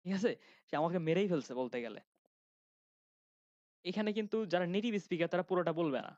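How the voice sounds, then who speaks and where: Here the young male grammar teacher sounds high, expressive, a little fast and slightly mellow. His Khulna Bangla accent carries a chatty lecture full of questions to students and restarted sentences. The recording is dry and somewhat dull.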